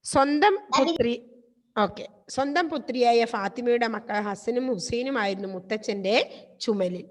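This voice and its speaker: A woman's voice: on the high side, moderate pace. A woman teacher giving an online class. She retells a story, explains word meanings, and keeps checking with the class through tag questions. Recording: long reverb.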